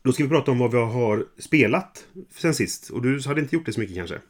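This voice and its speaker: A man co-hosting a podcast in casual chat, hoarse from a recent illness, relaxed and steering the conversation. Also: mid-range voice, faint music behind. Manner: relaxed, affirming, steers the show. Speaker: podcast co-host.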